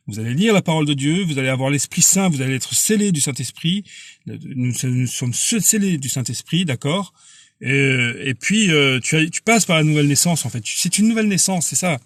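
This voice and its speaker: A man's voice: fairly high pitch, no room sound, clean studio sound. Earnest man preaching on a live stream. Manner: halting, repeats words, earnest and insistent.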